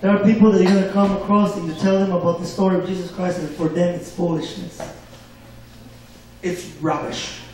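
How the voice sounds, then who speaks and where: Male preacher, high voice, call-and-response delivery, booming church echo, distant mic. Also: little pitch movement, fast, few pauses, a little mellow. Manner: call-and-response, asks for amens. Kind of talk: sermon. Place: church hall. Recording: very echoey hall, mic far off.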